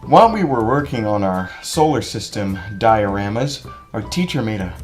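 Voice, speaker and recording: A man's voice: on the low side, sing-song, normal speed, soft background music. A teenage young man from California reading a children's book aloud, with dry, self-mocking asides. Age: late teens.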